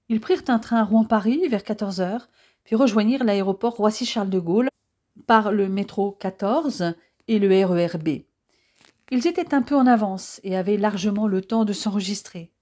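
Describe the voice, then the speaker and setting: A woman narrating an audiobook in a calm, measured reading. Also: medium pitch. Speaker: audiobook reader.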